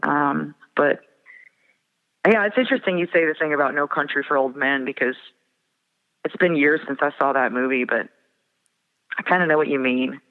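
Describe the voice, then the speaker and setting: A woman in her forties from the northern prairie, reflective and often laughing softly as an interview guest. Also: deep voice, normal speed, long pauses. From Minnesota and North Dakota border area. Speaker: guest singer-songwriter. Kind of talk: casual interview chat. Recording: tinny phone-like line with long reverb.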